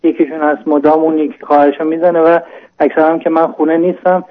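A man calling in to an advice show, speaking hesitantly and apologetically, halting and restarting. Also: fairly high pitch, level tone. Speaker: caller. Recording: tinny phone line.

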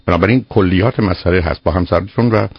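Firm low-voiced husky radio advice host. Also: male voice, no echo. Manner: firm, lecturing, interrupts the caller. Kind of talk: call-in advice talk. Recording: dull lo-fi radio broadcast.

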